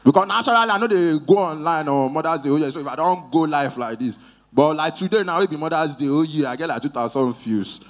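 A man's voice: on the high side, fast talker. A man with a Nigerian Pidgin accent doing live stand-up crowd work at an event, teasing audience members playfully. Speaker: comedian host at an event.

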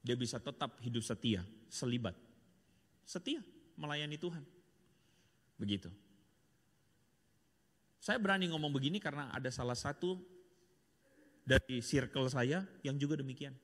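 A man's voice: mid-range voice, expressive, normal speed, pauses often. A man giving a church seminar talk, speaking earnestly and directly to the audience. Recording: long hall reverb.

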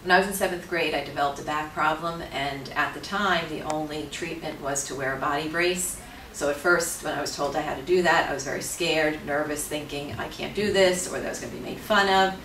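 A woman calmly and reflectively telling her own story. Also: low voice, fairly quick, far from the mic, slight background noise. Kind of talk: personal testimony. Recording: echoey room, away from mic.

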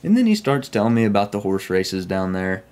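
Speaking a little fast with big swings in pitch, this young Oklahoman has a fairly low, darkish voice and a Southern accent. He vlogs about trains, telling folksy first-person railfan tales indoors in a small room of his home in Oklahoma, United States.

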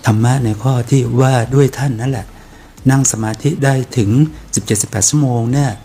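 A man's voice: mid-range voice, steady tone, a little fast, warm tone, a little hiss or hum. A man who is a Buddhist monk, giving an earnest, aggrieved spoken rebuttal. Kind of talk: monk's spoken commentary.

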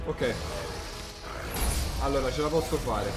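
A man giving casual, excitable gameplay commentary, swearing and talking to his viewers. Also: mid-range voice, measured pace. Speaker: video game player commentating. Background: game music.

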